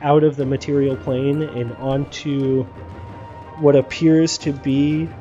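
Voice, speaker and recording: A man's voice: medium pitch, flat delivery, takes it slowly, dark tone, dull audio, faint music behind. A man narrating a tabletop game scene to a player as game master.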